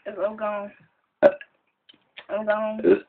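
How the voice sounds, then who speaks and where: A woman's voice: mid-range voice, monotone, very slow. A woman chatting casually as a vlogger in a challenge video. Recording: tinny, phone-like band-limited sound.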